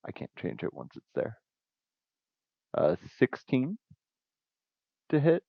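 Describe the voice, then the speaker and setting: A man's voice: medium pitch, wildly swooping pitch, takes it slowly, creaky, no room sound. A man playing a tabletop game, describing his turn with playful slang. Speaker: player. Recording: tinny phone-like online call.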